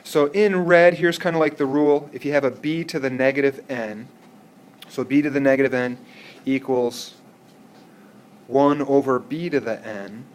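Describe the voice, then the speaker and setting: A man's voice: medium pitch, moderate pace. A man teaching an algebra class in a classroom, explaining step by step and often checking whether students follow. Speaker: math teacher. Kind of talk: classroom lecture.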